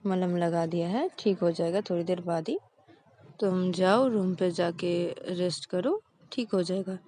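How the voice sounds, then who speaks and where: A woman's voice: lowish voice, unhurried. Woman doing a strict, scolding mother. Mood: soothing. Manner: loud, scolding.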